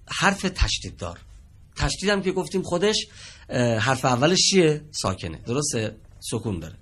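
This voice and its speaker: A man leads a televised Quran reading lesson from a studio with his students. His voice rises and falls a great deal as he explains. He checks their answers patiently and slows right down to spell out each example word. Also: mid-range voice, a bit bright. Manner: patient, quizzes students, stretches out example words slowly.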